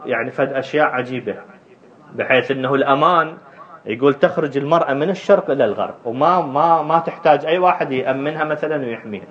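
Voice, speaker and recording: A man with an Iraqi Arabic accent preaching a sermon, rising loud and high on key points and acting out dialogue. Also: highs cut off.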